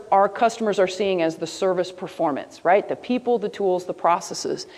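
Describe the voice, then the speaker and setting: A woman giving a live presentation, lively and asking her audience questions as she goes. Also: medium pitch. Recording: long hall reverb.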